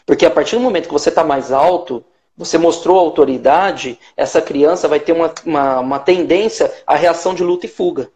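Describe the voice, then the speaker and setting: Speaking fairly fast with hardly any pauses, a Brazilian man's voice sits on the high side and sounds a little mellow, carrying a Brazilian Portuguese accent. He's a hypnotherapist guest in a live-stream interview, emphatically explaining how he works and acting out short quotes.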